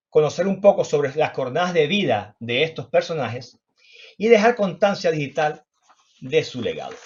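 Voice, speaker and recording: A Venezuelan man speaking in a courteous, formal way as an interview host. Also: on the high side. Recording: dull, band-limited audio.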